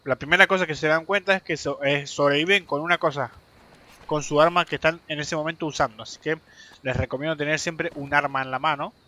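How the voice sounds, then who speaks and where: A man's voice: a little high, fairly even intonation, fairly quick, bright, forceful tone. A young man giving chatty live commentary as he plays a game, talking straight to his viewers and swearing and yelping when fights go badly. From Argentina. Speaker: game streamer.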